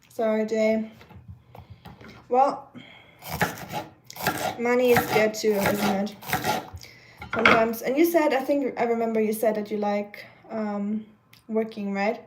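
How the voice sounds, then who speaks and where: A young German woman with a slightly nasal, somewhat high voice chats and rambles while cooking on a live stream, using lots of fillers and reading chat comments aloud. Her tone stays steady, her pace is slow with long pauses, and there's background noise.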